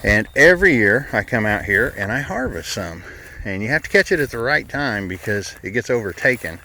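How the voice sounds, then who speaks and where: Here the hiking vlogger's voice sits fairly low, with a sing-song lilt, a brisk pace and a sharp edge. The middle-aged man chats in a relaxed, folksy way while crossing woods and fields, occasionally short of breath.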